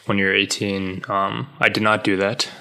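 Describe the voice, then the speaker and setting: A man's voice: fairly low pitch, level tone, normal speed, creaky, a crowd in the background. A young man from Singapore chatting casually on a podcast, laid-back and hesitant with ums. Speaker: podcast co-host. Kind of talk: casual chat.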